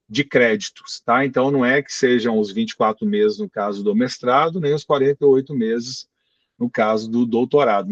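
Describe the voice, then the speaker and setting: A man's voice: medium pitch, no room sound. A man, a professor explaining graduate admissions in an online session, often checking in with listeners. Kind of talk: online info session, answering questions. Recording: dull distant video-call audio.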